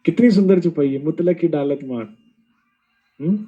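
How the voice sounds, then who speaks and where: A man's voice: on the high side, moderate pace, dark tone, breathy edge, dull audio. A man giving a devotional sermon, scolding his listeners with rhetorical questions and mocking asides. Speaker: spiritual preacher.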